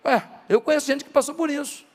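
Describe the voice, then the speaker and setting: A man's voice: very high-pitched, fast talker, big-room sound. A male pastor from Brazil preaching a sermon, asking his listeners questions and acting out dialogue. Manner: acts out quoted dialogue in softer voices; asks the congregation rhetorical questions.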